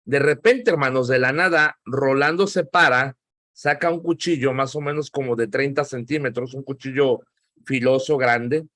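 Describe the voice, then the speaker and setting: A man's voice: mid-range voice, moderate pace, no echo, clean studio sound. A man with a Mexican Spanish accent teaching a Bible class in a preaching style, telling personal stories and often calling the listeners "hermanos". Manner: animated storyteller, often says "hermanos" and "¿verdad?", acts out quoted voices.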